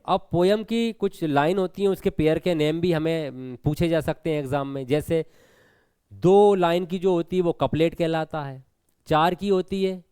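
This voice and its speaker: A man's voice: fairly high pitch, a little mellow, clear, resonant tone, dry recording. Man teaching an exam prep lesson. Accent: Hindi. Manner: explanatory, repeats points, asks students questions.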